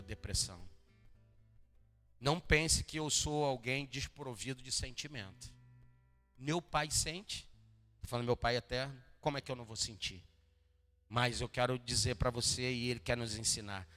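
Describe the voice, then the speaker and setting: Male Rio pastor, bright fairly high voice, animated sermon, church hall reverb, soft guitar underneath. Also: normal speed. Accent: Brazilian Portuguese, Rio de Janeiro. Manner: animated preaching, swings from quiet to loud, jokes with congregation. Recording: long hall reverb, faint guitar behind.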